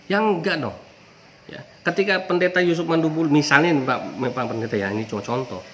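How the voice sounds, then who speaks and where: A man's voice: fairly high pitch, brisk, a bit bright, a little hiss or hum. A man with an Indonesian accent giving an informal religious talk, conversational, often adding "ya" to his points and lifting his voice on key words. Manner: conversational, frequent "ya" and "gitu ya" tags, rising emphasis on key words. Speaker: Islamic preacher.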